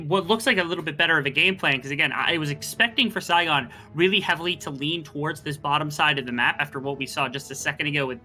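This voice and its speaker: Fast, bright esports caster, talking analysis. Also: mid-range voice. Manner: conversational, analytical, wordy. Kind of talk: live esports commentary.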